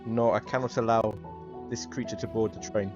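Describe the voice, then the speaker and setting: A man playing a stern, reluctant train conductor in a tabletop game, speaking in a deliberate, halting way. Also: lowish voice, fairly even intonation, darkish tone, natural voice. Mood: stern, wary. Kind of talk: tabletop game character acting. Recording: dull recording with background music.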